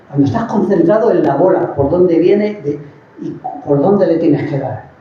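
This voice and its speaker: A man speaking calmly and thoughtfully about quieting the mind, in a measured reflective talk. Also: fairly high pitch. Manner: calm, measured, pausing. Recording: distant, roomy and dull with faint noise.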